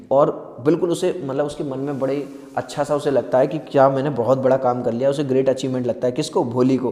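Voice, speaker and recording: A man's voice: a little high, warm tone. Man teaching a story, echoey room. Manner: reads English lines slowly, then explains in Hindi. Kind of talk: Hindi-English literature lesson. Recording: echoey room with long reverb.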